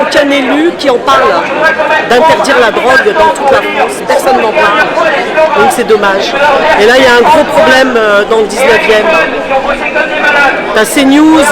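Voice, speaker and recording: An activist giving a spontaneous, insistent and repetitive street interview at a protest. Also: mid-range voice. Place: busy public protest in Paris. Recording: busy crowd noise around the voice.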